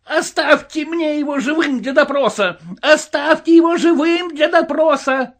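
Storybook baddie with a shrill barking yell, read by a man. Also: a little slow, full character voice. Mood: frantic. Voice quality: yelping, barking. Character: spiteful shifty villain, yelping and hysterical.

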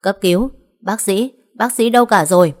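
A woman's voice: lowish voice, fast talker, darkish tone, close to an everyday voice. A woman doing a protective young man, urgent. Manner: urgent, firm and reassuring. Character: caring young man, protective older brother.

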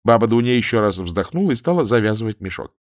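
Lively, expressive male audiobook narrator. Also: on the low side, quick pace, no echo, studio quality. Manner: wry, expressive storytelling. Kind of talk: scripted narration of a humorous novel.

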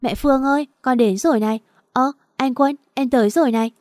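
A shrill, spoiled young woman in a storybook reading, gushing and pushy, her voice lifted high and loud, as a woman narrator puts her on. The tone stays mellow and the recording is close and dry. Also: normal speed, no room sound, natural voice.

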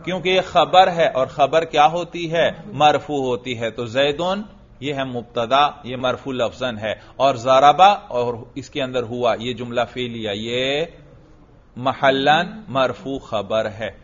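A man teaches a grammar class, firing short questions at his students and praising their answers. His voice sits at a middle pitch. The lecture recording sounds dull and lo-fi. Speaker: religious school teacher.

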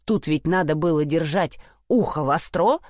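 A woman narrating a fairy tale in an expressive, playful storybook reading. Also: low-pitched, normal speed, dry recording, studio quality.

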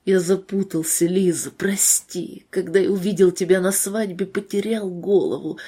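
A woman voicing a confused, remorseful young man who speaks slowly and apologetically. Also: fairly low pitch, fairly even intonation, mellow, husky. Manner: slow, apologetic.

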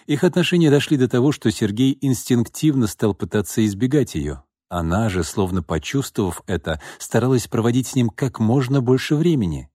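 A man narrating an audiobook novel with an expressive, animated reading. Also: mid-range voice, moderate pace, few pauses, dry recording, studio quality. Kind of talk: scripted narration.

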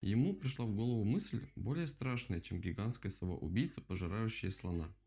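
A man reading a children's storybook aloud in an expressive storytelling manner. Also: lowish voice, fairly quick. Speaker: reader.

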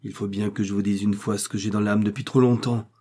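A man's voice: lowish voice, level tone, brisk, mellow, slightly rough. A man reading the lines of a proud young heiress who vehemently accuses a man, with scornful fervor. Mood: accusing.

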